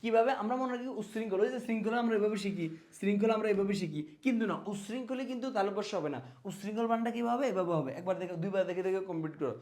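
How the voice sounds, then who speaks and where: A man with a Bangladeshi Bengali accent teaching a spelling lesson to exam students, energetic, asking questions and answering them himself, repeating words to drill them. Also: high voice.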